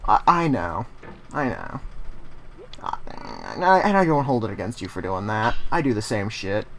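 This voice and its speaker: A man's voice: on the low side, lively intonation, moderate pace, fairly bright tone, slight background noise. A man giving casual gaming commentary, swearing heavily and ranting as he gets frustrated. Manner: profane, ranting, easily frustrated. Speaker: let's play commentator.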